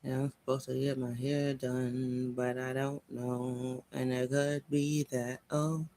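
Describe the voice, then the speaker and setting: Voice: medium pitch, level tone, slow, dark tone, no echo. A young adult chatting casually on a home livestream, rambling and thinking aloud into a laptop mic.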